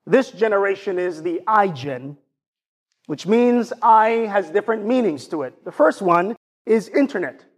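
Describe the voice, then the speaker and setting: A man's voice: sits high, lively intonation, unhurried. A man with a Jamaican accent preaching a sermon to his congregation, asking them rhetorical questions as a pastor.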